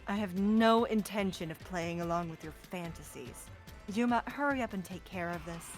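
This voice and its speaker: A cool, aloof detective acted by a woman speaks in a lowered, quiet register. The delivery is composed, curt and businesslike, made for a game fan dub. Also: moderate pace, faint music behind, lightly acted.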